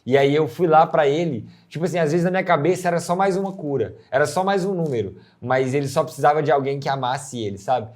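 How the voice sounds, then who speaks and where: A man's voice: a little high, fast talker, hardly any pauses, a little mellow. A man with a Brazilian Portuguese accent telling a story in a casual, slangy chat. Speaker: co-host.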